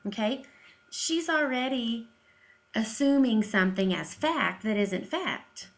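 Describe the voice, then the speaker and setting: Speaking slowly in a fairly high voice with lively intonation, a woman offers informal opinion commentary. She's a video commentator and deaf-education advocate whose delivery is emphatic and sarcastic, full of rhetorical questions.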